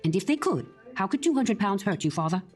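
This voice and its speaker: A woman playing an anxious, excitable old housewife and mother in a dramatic horror story reading. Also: medium pitch, quick pace, soft background music, lightly acted. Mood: scoffing, teasing. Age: older. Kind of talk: dramatic horror audiobook acting.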